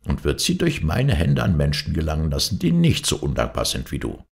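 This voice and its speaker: A man's voice: rumbling low, huge pitch swings, fairly quick, creaky, heavily acted. A man voicing a stern, solemn dervish who is wise and unyielding, with a reproachful manner, in an audiobook fairy-tale reading. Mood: stern rebuke.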